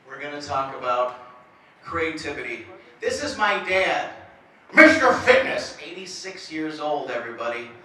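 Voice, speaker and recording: A middle-aged man, a motivational speaker, gives a comedic talk on stage in a presentation hall, mocking himself and stuttering slightly. His sharp voice is on the high side, sing-song and a little slow, recorded from afar in an echoey hall.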